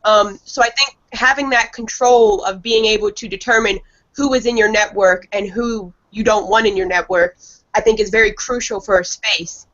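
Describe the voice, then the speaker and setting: Woman guest, measured, explanatory, many ums, lo-fi call audio. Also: mid-range voice, fairly even intonation, a bit bright. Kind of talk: casual panel discussion.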